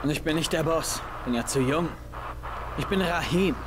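Here the same brash young survivor leader from a video game speaks at a moderate pace in a natural, fairly high male voice. The actor plays him as curt, sarcastic and impatient, with clear background noise in the game audio.

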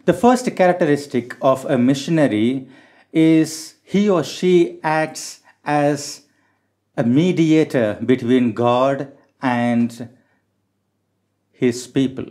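Male priest, middle-aged, for Gospel and homily: slow, formal, deliberate delivery. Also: mid-range voice, a little mellow. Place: small chapel, indoors. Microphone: gooseneck lectern microphone.

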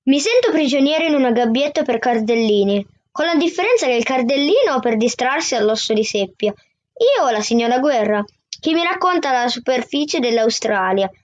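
A woman's voice: fairly high pitch, no room sound. Woman reading a novel aloud. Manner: steady first-person narration. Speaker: book reader. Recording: dull, dry lo-fi sound.

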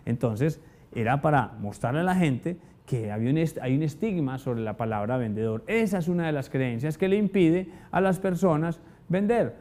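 A man's voice: fairly high pitch, moderate pace. A man teaching a motivational sales lesson to an audience, telling stories and asking rhetorical questions. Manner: animated storyteller, asks rhetorical questions. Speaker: sales trainer.

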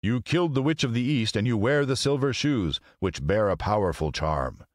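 For a storybook, a man voices a great wizard who appears as a giant head, making stern, commanding, imperious pronouncements with emphasis. His natural voice is on the low side yet pitched above his own, with lively intonation at a moderate pace, recorded with studio quality and no echo.

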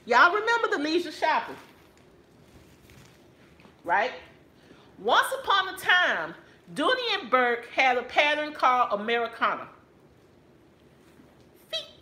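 Sitting on her living room couch, a middle-aged woman from Texas chats casually to her viewers about a handbag she found in a haul video, playfully calling them "y'all." Her high, sharp voice swings hugely in pitch, and she speaks slowly with frequent pauses, filmed in close framing on a camera or phone on a stand in an echoey room.

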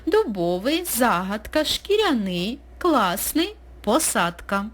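Woman teacher, slow dictating delivery, fairly high voice, very animated pitch. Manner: slow, clear, dictating pace. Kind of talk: recorded school lesson narration.

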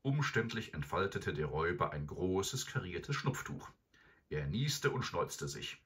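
A man reading a children's storybook aloud in an expressive, animated way. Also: low voice, a little slow. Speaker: narrator.

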